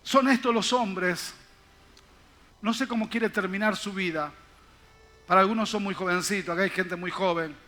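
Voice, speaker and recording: A man's voice: high-pitched, normal speed, pauses often, bright, forceful tone, soft background music. An older man, a pastor, preaching a sermon to his congregation in an emphatic, repetitive way. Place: church service.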